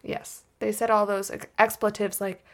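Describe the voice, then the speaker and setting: A woman's voice: medium pitch, unhurried, creaky, a bit bright. A woman co-hosting a casual true-crime podcast, rambling and joking and laughing often as she tells the case. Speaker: podcast co-host.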